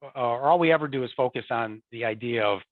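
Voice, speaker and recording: A fast-talking man with a medium-pitched voice guests on an interview, speaking casually as a support and field services executive. He repeats words, leans on "you know" and "right?", and the tinny remote call audio is dry with no echo.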